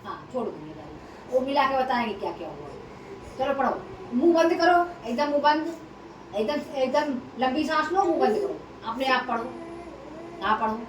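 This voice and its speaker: A woman gently but firmly coaxing a child to read, soothing and urging by turns. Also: high-pitched, expressive, moderate pace. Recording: echoey room, distant, noisy.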